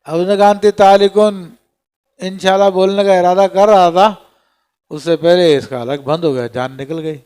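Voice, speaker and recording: A man's voice: high voice, fairly even intonation, darkish tone, smooth. A man teaching a class on Islamic law, reading Arabic passages aloud and explaining each line, often checking with his students. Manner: reads Arabic text aloud then explains it, often checks "theek hai?". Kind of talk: classroom lecture on a legal text.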